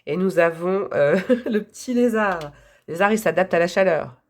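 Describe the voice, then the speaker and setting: A hoarse woman giving a casual, enthusiastic tarot reading to her viewers, chatty and quick to laugh. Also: fairly low pitch, lively intonation. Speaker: tarot reader.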